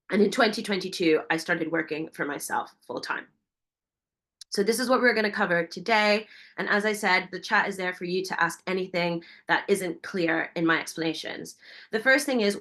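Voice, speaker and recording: A woman, a founder giving a fast, enthusiastic webinar presentation and asking her audience many questions. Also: lowish voice, a bit bright. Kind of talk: energetic business presentation.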